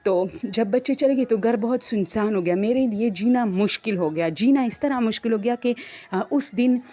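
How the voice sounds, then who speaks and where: A woman's voice: a little high, moderate pace, dark tone. A woman telling a horror story in the first person, hesitant and reflective, with many fillers and restarts.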